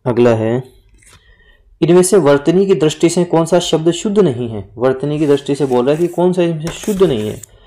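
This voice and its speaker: A man's voice: fairly high pitch, expressive, moderate pace, dark tone. A man teaching an exam-prep lesson, going through answers and repeating each word to drill the correct spelling. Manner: explains and repeats words, drills spelling points.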